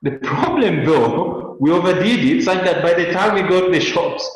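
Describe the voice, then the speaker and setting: A Kenyan man with a Kenyan accent gives an earnest webinar lecture in a high-pitched, expressive voice at a moderate pace, often repeating words while searching for them. The webinar audio is dull, lo-fi, and very echoey.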